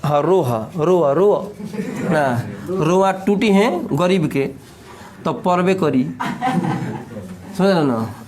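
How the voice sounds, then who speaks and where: A man's voice: fairly high pitch, lively intonation, slow pace, long pauses, crowd noise. A man teaching a physics class, explaining step by step and teasing his students with joking dialect asides.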